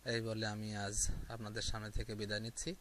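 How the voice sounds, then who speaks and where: Bright-voiced man teaching grammar. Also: fairly low pitch, monotone, fairly quick, slight background noise. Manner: step-by-step explaining with frequent fillers and repeated examples. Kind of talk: explaining grammar lesson to viewers.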